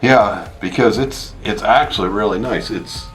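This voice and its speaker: A man co-hosting a fragrance review, chatting casually and unscripted, as if thinking out loud. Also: on the low side, a little slow, slight background noise.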